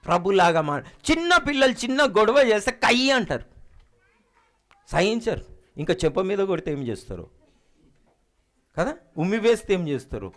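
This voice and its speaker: High, bright-voiced preacher. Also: male voice, big pitch swings, moderate pace, pauses often. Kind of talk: sermon.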